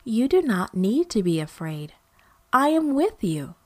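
Gentle storybook Jesus, as a woman narrator puts him on. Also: mid-range voice, sing-song. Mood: calm, reassuring. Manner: soft, reassuring and unhurried.

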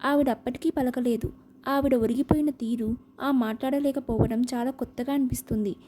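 High-voiced woman narrating an audiobook novel. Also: moderate pace, background noise. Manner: steady, expressive reading.

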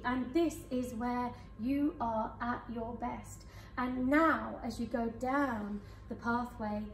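A woman hypnotherapist leading a guided hypnosis session for a live audience in a conference room, speaking in slow soothing suggestions. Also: fairly high pitch, a little hiss or hum. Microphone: far camera. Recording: echoey room from far off.

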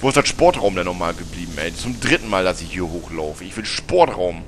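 Animated and brisk, a German let's player comments over a faint hiss or hum. He speaks colloquial northern German, teases and chats with the game's characters as he plays, and slips into high-pitched laughter.

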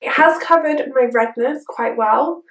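A woman's voice: high-pitched, unhurried, far from the mic. A young woman with a chirpy, perky manner, chatting casually to camera as a beauty vlogger reviewing a product. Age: young adult. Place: small room indoors. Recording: roomy indoor echo.

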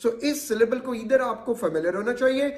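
A man's voice: extremely high pitch, brisk, a little mellow. A man with a Pakistani accent teaching a classroom lecture, explaining English terms in Hindi-Urdu mixed with English. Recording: roomy sound from a distance.

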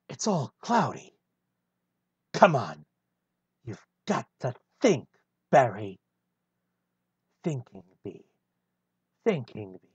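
Gruff male hedgehog antihero voiced by a man, lively swings in pitch, dull dry home recording. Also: dry recording, full character voice. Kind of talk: one-take fan voice reading of a film script.

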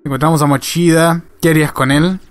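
Chilean guy doing crude lets play commentary, cusses nonstop, kinda high voice. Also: fairly quick, no room sound. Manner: crude, excitable, swears constantly. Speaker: gamer.

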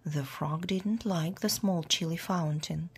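Woman reading a storybook, hushed half-whisper, super breathy, slow. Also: lowish voice. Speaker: storyteller for English learners. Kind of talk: storybook read-aloud.

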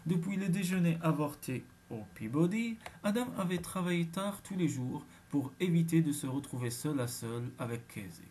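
A man narrating a romance audiobook in a steady, measured reading. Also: fairly high pitch, slight background noise.

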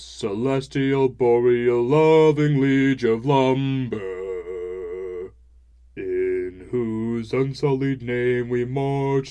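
A man voicing a stout male dwarf choir-master who intones his words in a slow, drawn-out chant. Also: medium pitch, warm tone, clean tone, muffled recording.

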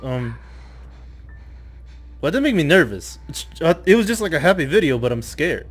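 A man's voice: a little high, big pitch swings, normal speed, slight background noise. A young man giving casual, profane gameplay commentary as a channel host, jittery and slangy, with slightly impeded speech. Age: young adult. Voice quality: slightly impeded speech after dental surgery. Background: game music.

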